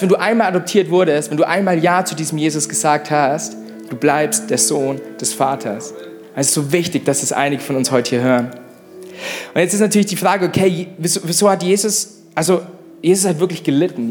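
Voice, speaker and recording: Young guy giving a sermon, kinda high voice, chatty preaching with lots of "hey", soft music under it. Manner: informal preaching with many "hey" asides. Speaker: pastor. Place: church service.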